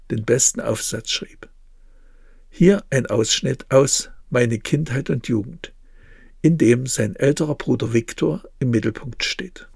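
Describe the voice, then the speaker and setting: A man with a gravelly voice giving a measured literary reading and commentary as narrator. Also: mid-range voice, a little mellow, no room sound, clean studio sound.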